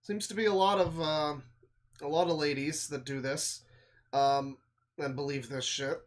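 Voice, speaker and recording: A man's voice: on the high side, steady tone, measured pace. A man streaming casual reaction commentary, sarcastic, swearing and trailing into mumbled asides.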